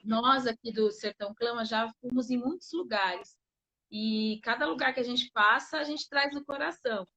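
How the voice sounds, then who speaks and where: High-voiced earnest woman co-host. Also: normal speed, pushed and bright. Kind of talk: casual live-stream conversation.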